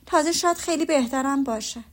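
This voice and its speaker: A woman's voice: high voice, lightly acted. A woman voicing an unbothered older husband who answers in a dry, teasing way.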